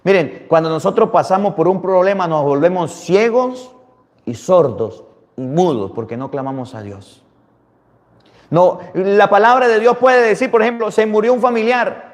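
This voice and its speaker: A man preaching a sermon as a priest, emphatic and swinging between loud and hushed delivery. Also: high-pitched, moderate pace, big-room sound. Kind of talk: sermon with readers' greetings.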